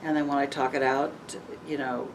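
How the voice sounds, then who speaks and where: A woman with a notably low voice tells her story candidly, with an animated lilt and easy laughs. She is caught at a distance from the mic, so her voice sounds set back in the room. A faint hiss sits beneath her words. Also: a little fast. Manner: frank and animated, laughs often. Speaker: interview guest. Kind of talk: candid conversational interview. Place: event venue with audience tables.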